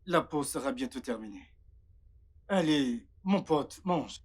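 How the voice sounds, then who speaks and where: A supportive male friend who gives advice calmly. His mid-range voice is husky. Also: medium pitch, slow. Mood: concerned. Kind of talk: dubbed film acting.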